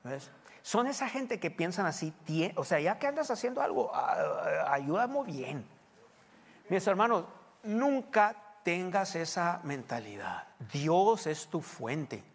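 A man's voice: high-pitched, very animated, slow, creaky, slightly rough, long reverb tail. A male pastor preaches a sermon in a church. He talks to the congregation conversationally and often asks them questions.

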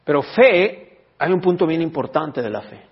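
A husky male pastor teaches his congregation, often stopping to ask whether they follow. His voice rings with a long reverb through a church hall, and the recording is dull. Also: fairly high pitch, animated, fairly quick. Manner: teaching, asks the congregation questions. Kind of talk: sermon.

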